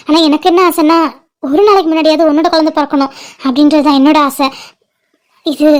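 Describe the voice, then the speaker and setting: A woman voicing an emotional, affectionate younger sister in an animated family drama. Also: high-pitched. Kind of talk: cartoon drama voice acting.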